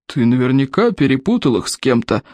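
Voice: medium pitch, big pitch swings, a little fast, a little mellow, no room sound, lightly acted. A reader voicing a huge, proud Viking chief who growls his defiant replies in a storybook reading. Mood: growling, defiant. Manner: growling, boastful. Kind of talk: audiobook character voice.

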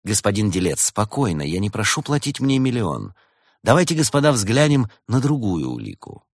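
A man voicing a clever male fox detective in a storybook reading, teasing and measured as he explains. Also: lowish voice, sing-song, breathy edge, no echo, studio quality, exaggerated voice. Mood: playful.

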